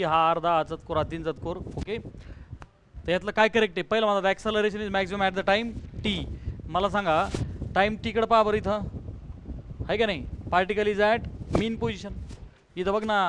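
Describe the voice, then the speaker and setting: A man with a Marathi accent teaching physics to a class, firing questions and pressing students to answer quickly. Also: sits high, a bit bright, a little hiss or hum. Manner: urges students to answer quickly, calls them "beta". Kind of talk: classroom lesson, drilling students.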